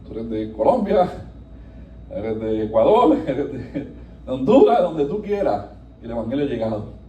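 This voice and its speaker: A male pastor preaching a sermon with animated delivery, swinging between soft passages and emphatic, rising lines. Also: mid-range voice, measured pace, slight background noise. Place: church sanctuary. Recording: echoey room, voice from a distance.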